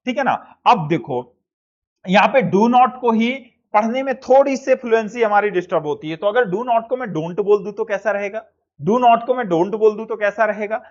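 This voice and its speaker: Guy teaching a spoken english lesson, high voice, kinda dull lo-fi sound, keeps asking "what'll it be". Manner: asks and answers his own questions, says model sentences very slowly. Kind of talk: classroom lesson.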